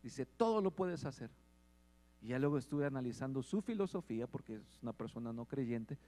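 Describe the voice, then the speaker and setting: A man preaching a sermon, asking the congregation questions and growing louder at points. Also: medium pitch, animated, a little fast. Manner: asks the congregation questions and swells in volume. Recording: long hall reverb.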